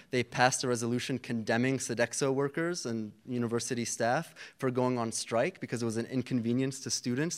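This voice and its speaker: A young Palestinian man, a student activist, giving an earnest, rallying panel speech with frequent fillers and restarts. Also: mid-range voice.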